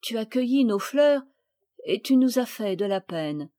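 Femme lisant une fillette douce et raisonnable. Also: female voice, fairly high pitch, lively intonation, unhurried. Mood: gentle, reproachful. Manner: gentle, gravely reproachful. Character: kind, sensible older sister girl.

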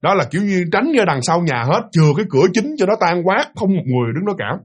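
A man with a Southern Vietnamese accent tells a spooky tale, speaking quickly and animatedly. His voice is husky and swings widely in pitch. He repeats words for effect and keeps addressing his listeners directly. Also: big pitch swings. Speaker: storyteller. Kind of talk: spooky storytelling to an audience.

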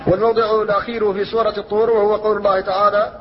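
Male scholar, high and steady delivery, methodical classroom lecture, muffled hall recording. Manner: measured explanatory teaching, slows to recite verses. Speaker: Islamic scholar teaching Quran recitation rules. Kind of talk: classroom lecture with chanted Quran quotes. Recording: dull lo-fi recording in a reverberant hall.

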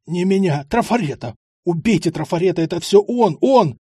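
A man voicing a panicked, burly male bandit who yells and begs in a shrill, strained voice. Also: animated, normal speed, gravelly, husky, no room sound, studio quality, full character voice. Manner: shrill, yelling and begging.

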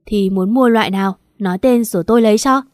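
A woman's voice: mid-range voice, fast, no room sound, clean studio sound, natural voice. A woman voicing a grumpy middle-aged woman shopkeeper who scolds impatiently, in an audio storybook. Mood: irritated scolding.

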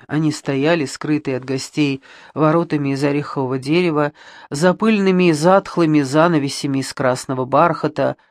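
A woman reading a novel aloud as audiobook narration, measured and even. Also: low voice, no room sound, studio quality. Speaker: audiobook reader.

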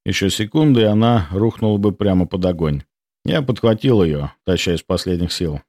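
A man reading first-person audiobook narration in an expressive storytelling manner, recorded on a close studio mic. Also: sits low, moderate pace, no room sound.

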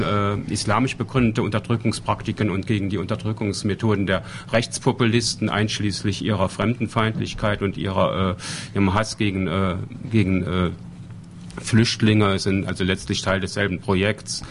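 Very deep-voiced man, halting panel talk. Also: steady tone. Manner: halting, many fillers and repeated words. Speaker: panel speaker. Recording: recording with faint background noise.

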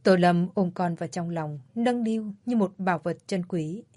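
A woman narrating an audiobook story in a calm, measured way. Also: on the low side, dry recording.

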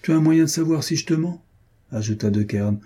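A man reading a composed, guarded lover who answers in a measured, deflecting way, in an audiobook. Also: fairly high pitch, expressive, mellow, slightly rough, voice pushed up. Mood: calm.

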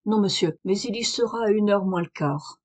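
A deferential male butler answers politely and briefly, as a woman reader voices him. The voice stays close to her plain reading tone, at a middle pitch. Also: normal speed, a little mellow, close to an everyday voice.

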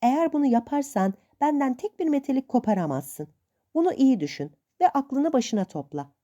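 A woman voicing a stern, scolding old rich aunt with a sharp, bossy, lecturing manner in a storybook reading. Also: high-pitched, animated, normal speed, pitched above the performer's own voice.

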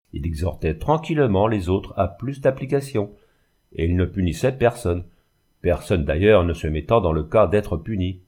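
A man reading a classic story aloud in a measured, expressive way. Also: on the low side. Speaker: audiobook reader. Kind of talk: scripted narration of a classic story.

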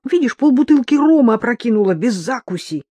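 A woman doing a gruff, stern young son. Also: on the high side, sing-song, fairly quick, dark tone, no echo, voice pushed up. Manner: gruff, scolding.

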